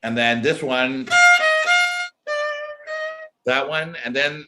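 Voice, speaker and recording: A man's voice: mid-range voice, steady tone, very slow, over loud music. A man teaching a violin masterclass, earnest and emphatic, often repeating his key words. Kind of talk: masterclass coaching. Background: faint violin playing.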